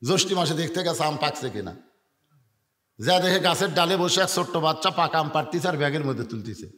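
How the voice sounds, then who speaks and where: A man from Bangladesh, preaching a sermon full of folksy stories and prodding the crowd for answers, at times bursting into shouts. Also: a little high, lively intonation, fast talker, reverberant. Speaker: Islamic preacher. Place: open-air religious gathering.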